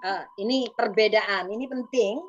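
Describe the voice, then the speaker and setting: A woman's voice: mid-range voice, moderate pace, highs cut off, a little hiss or hum. A woman with an Indonesian accent teaching an English lesson over a video call, patiently repeating words for the class to copy.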